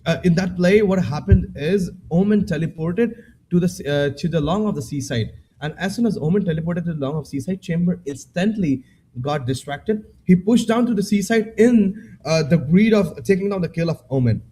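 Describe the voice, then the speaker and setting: A man's voice: sits high, normal speed, dark tone, a little hiss or hum, poor audio. A man, casting an esports match, talking hesitantly with many fillers and restarts. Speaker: esports caster. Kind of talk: esports post-match analysis.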